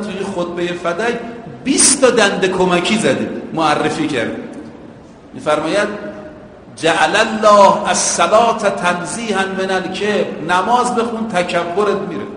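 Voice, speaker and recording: A man's voice: high voice, a bit bright, a little hiss or hum. A male preacher giving a sermon, using everyday driving comparisons and chanting quotations in Arabic. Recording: echoey hall with a long reverb.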